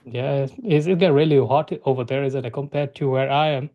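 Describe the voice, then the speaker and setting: A man's voice: mid-range voice, steady tone, fairly quick, highs cut off. A man hosting an interview podcast, talking eagerly with loose grammar and frequent "like". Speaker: podcast host.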